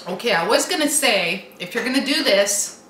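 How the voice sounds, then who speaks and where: A middle-aged woman chatting casually to camera, struggling to talk with her mouth and throat burning from spicy food, haltingly, clearing her throat and puffing out breaths. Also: medium pitch, lively intonation. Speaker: host of a food challenge video. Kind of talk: casual reaction chat to camera. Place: small indoor room with window blinds. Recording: echoey room with faint background noise.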